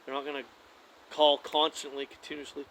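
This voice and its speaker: Relaxed man explaining deer calls. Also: a little high, a little fast, a little hiss or hum, low-quality recording. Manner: relaxed, conversational, with frequent "like" and restarts. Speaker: hunting call demonstrator. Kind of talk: casual how-to demonstration.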